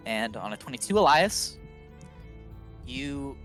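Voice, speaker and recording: A man narrating as game master of a tabletop role-playing game, relaxed and full of fillers. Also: medium pitch, slow pace, faint music behind.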